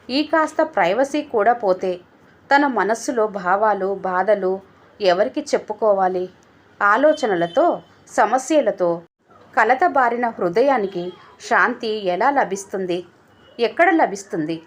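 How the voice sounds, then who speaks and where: A woman narrating a family story in a measured, steady reading voice. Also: mid-range voice. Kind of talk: scripted narration.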